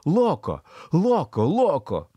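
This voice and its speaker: A man's voice: a little high, wildly swooping pitch, takes it slowly, warm tone, dry recording, pitched above the performer's own voice, heavily acted. A man voicing a terrified young woman who cries out for help in frantic, pleading bursts.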